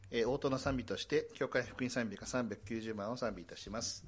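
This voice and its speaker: A man quietly announcing a hymn at a church service and reading its lyrics in a measured way. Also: medium pitch, a little hiss or hum.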